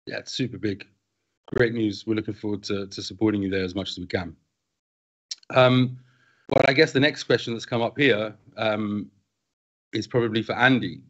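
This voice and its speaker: A man in his thirties hosting an online question session over a video call, relaxed and friendly as he introduces guests and reads questions. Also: on the low side, moderate pace, long pauses. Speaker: host and company CEO. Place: indoor room with a virtual space background. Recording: dull lo-fi video call audio.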